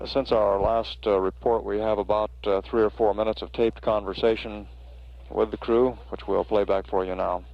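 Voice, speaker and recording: Low, gravelly man announcing. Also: little pitch movement. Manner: measured, hesitant official delivery. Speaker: mission control public affairs announcer. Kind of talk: halting factual status report. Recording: dull archival broadcast feed.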